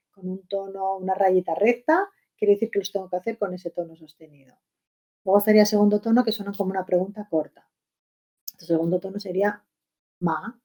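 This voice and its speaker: A woman's voice: mid-range voice, mellow. A woman from teaching a Chinese language webinar, explaining step by step with fillers and a habitual "¿no?". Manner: explanatory, frequent fillers and rhetorical "¿no?". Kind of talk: webinar lesson.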